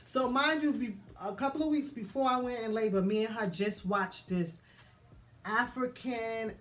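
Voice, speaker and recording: A mother telling her birth story in a casual, animated way, acting out voices. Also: fairly high pitch, moderate pace. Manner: animated, laughing, acts out voices.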